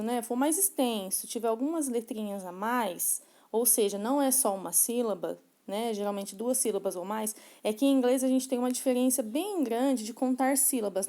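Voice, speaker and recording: A woman teaching grammar in a mellow, warm voice that sits a little high for her. She explains patiently, checks in with short tags and slows right down whenever she reads an example aloud. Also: expressive. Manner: slows down sharply to read English examples. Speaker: English teacher.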